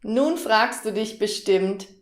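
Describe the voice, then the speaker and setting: A woman teaching a grammar lesson to learners, speaking directly to the viewer and carefully stressing syllables in her examples. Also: mid-range voice. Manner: slow, deliberate, stressing syllables to demonstrate. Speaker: German teacher. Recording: roomy echo.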